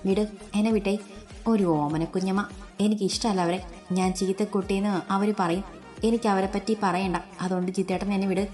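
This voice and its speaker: A woman's voice: medium pitch, fairly even intonation, a little fast, a little mellow, faint music behind, close to an everyday voice. A woman reading out a young wife in an audio story, speaking in a childlike, pleading way. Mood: upset. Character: young wife, sweet, teary, clingy.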